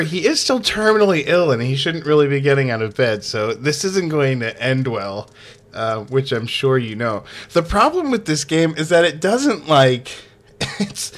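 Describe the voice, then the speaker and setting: In a fairly bright, mid-range voice, a man gives a sarcastic, casual voice-over reviewing a video game. He's chatty and amused, uses lots of fillers, and keeps dissolving into laughter.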